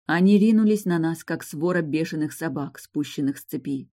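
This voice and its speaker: Woman narrating a dark fantasy audiobook. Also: low-pitched, normal speed. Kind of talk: first-person fantasy narration.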